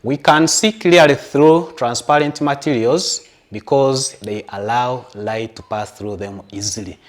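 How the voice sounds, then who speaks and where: A man's voice: medium pitch, a little slow. A man with a Ugandan English accent teaching a science lesson to pupils at home, explaining patiently with everyday examples. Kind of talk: televised classroom lesson.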